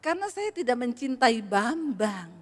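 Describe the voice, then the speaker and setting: Woman pastor, high voice, humorous conversational sermon, speaks straight to the congregation, long church-hall echo. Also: very animated, normal speed. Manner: addresses the audience directly.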